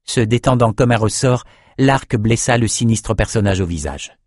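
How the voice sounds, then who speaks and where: A man reading a fantasy story aloud as narrator, in a measured, dramatic way. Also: on the low side, a little mellow, no room sound, clean studio sound.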